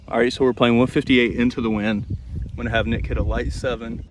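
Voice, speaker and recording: A man's voice: mid-range voice, flat delivery, fast. A young man caddying on a golf course, giving upbeat casual commentary to viewers. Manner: chatty, upbeat, addresses viewers. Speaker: caddie. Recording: outdoor wind and background noise.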